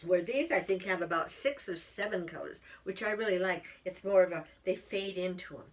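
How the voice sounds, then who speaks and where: A woman's voice: on the low side, brisk. Chatty middle-aged woman, slightly distant mic. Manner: chatty, rambling with fillers. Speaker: podcast co-host, yarn dyer. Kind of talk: casual chat.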